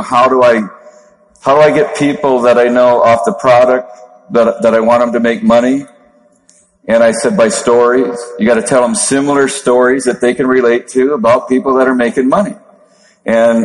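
A man in his fifties with a Minnesota accent, giving a motivational seminar talk as a network marketing trainer in a monotone voice. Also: medium pitch. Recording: long hall reverb.

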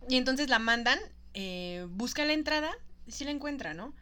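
A woman's voice: high-pitched, lively intonation, normal speed, bright, forceful tone. A woman who recaps a film in casual chat, playful, laughing often and talking to her listeners.

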